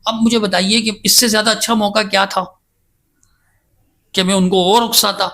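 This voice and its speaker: High, bright-voiced man arguing emphatically. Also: steady tone. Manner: emphatic, insistent, defends himself at length. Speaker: guest scholar in a podcast interview. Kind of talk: casual debate-style interview talk.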